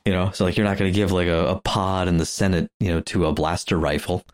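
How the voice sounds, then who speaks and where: Low-pitched, chatty podcast co-host who laughs through his points. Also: fairly even intonation, quick pace. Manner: rambling, chuckling, many restarts. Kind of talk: casual chat.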